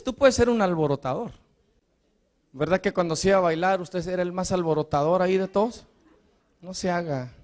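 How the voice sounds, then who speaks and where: Guy preaching, pretty high voice, fired up, keeps asking the crowd questions over and over. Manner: impassioned, swings between shouting and hushed asides; repeats rhetorical questions to the congregation. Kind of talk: sermon.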